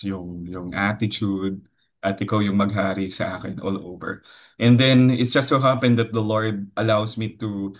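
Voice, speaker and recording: A man in his thirties from the Philippines with a deep baritone, giving an earnest devotional testimony with many fillers. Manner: earnest, mixes English into his talk, frequent fillers and "po". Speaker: lay preacher giving a testimony.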